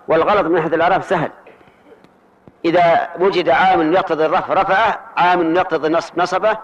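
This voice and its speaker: A man with a high voice leads a grammar lesson, spelling out each variant with patient repetition. He pauses to check that his listeners follow. The recording is dull and lo-fi. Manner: methodical, repeats words slowly and checks if students follow. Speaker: teacher. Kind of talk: grammar lesson explaining a poem line.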